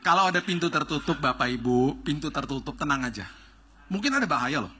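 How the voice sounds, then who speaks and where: A man pastor telling a story in a sermon, acting out the dialogue with rising excitement. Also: a little high, a little fast, slight background noise. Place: church stage.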